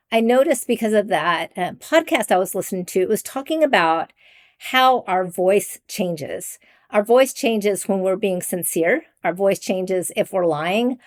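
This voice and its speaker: A middle-aged woman hosting her own faith-based coaching podcast, talking earnestly with frequent ums and soft laughs. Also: medium pitch. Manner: mimics raised greeting voices. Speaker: podcast host and life coach. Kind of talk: candid solo podcast talk.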